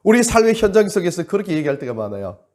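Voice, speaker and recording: A man's voice: sits high, big pitch swings, fast talker, darkish tone. A male pastor preaching a sermon, dramatic, acting out quoted prayers and stretching words for emphasis.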